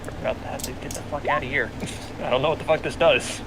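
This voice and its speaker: A man's voice: mid-range voice, steady tone, fast. A man playing a tabletop game, chatting casually and swearing and laughing freely, over voice chat. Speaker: player. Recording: noisy background.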